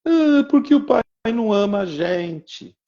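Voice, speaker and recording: A man voicing his young daughter, a little girl crying and hurt, in a high, whiny childlike voice. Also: sing-song, unhurried, dark tone, lo-fi sound, full character voice. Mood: tearful.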